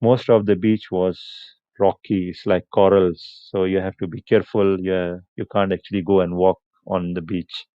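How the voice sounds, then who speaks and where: Speaking with little pitch movement, this male livestream host talks easily with viewers, taking his time, responding to comments, and laughing frequently. Punjabi is his first language, and his deep voice comes across smooth and clear. The audio is a dry recording, a bit muffled.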